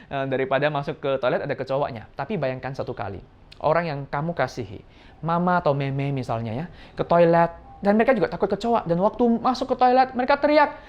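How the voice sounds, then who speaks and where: A young man giving a Sunday school sermon, lively and playful, telling stories and acting out voices, on a slightly dull recording. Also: on the high side, brisk. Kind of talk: children's sermon.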